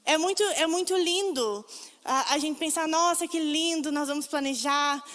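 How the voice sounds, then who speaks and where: A woman's voice: high-pitched, moderate pace, fairly bright tone. A Brazilian woman preaching a sermon, telling stories emphatically and acting out the voices she quotes. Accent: Brazilian Portuguese. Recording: long reverb of a hall.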